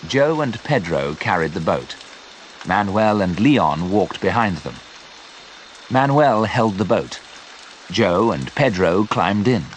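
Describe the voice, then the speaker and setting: A man narrating a simple story slowly and clearly for English learners. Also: lowish voice, slight background noise. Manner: slow, clear, expressive.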